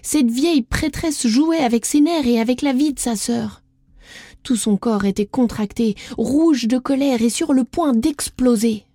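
A woman narrates a storybook slowly and gently, her voice raised a little in pitch yet warm and mellow. The sound is dry and close, with faint music underneath. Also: no echo. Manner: slow, gentle, deliberate reading.

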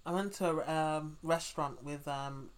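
A woman podcast host from London chatting with a guest, telling animated stories with many fillers. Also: low-pitched, moderate pace. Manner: animated storytelling, many fillers, quotes people. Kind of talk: casual interview chat.

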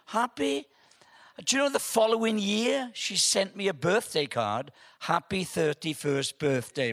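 An older man tells a funny story to a live audience. His voice sits a little high for a man, and he hesitates with frequent ums before picking up energy as the tale unfolds. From Wales. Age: 70s. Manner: hesitant with many ums, animated when telling the story. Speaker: guest speaker at an event. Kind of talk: humorous storytelling speech.

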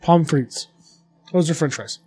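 A man's voice: fairly high pitch, drawn-out words, warm tone, breathy edge. A man co-hosting a casual podcast, making laid-back, dry remarks. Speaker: podcast co-host.

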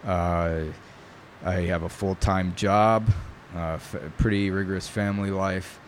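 Speaking a little slowly with fairly even intonation, a New York knife maker whose first language was Italian sits as a guest in a casual, thoughtful interview, using many fillers. He has a low-pitched voice, with slight background noise on the recording.

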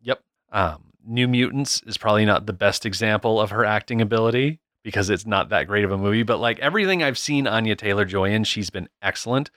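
A podcast co-host in casual chat, talking about a film trailer in a relaxed, rambling way. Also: medium pitch, brisk, no echo, clean studio sound.

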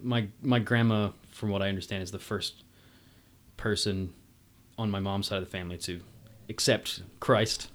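A man grown up in England, talking casually and haltingly about his family, with many restarts. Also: on the low side, fairly even intonation, fairly bright tone. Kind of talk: casual conversation.

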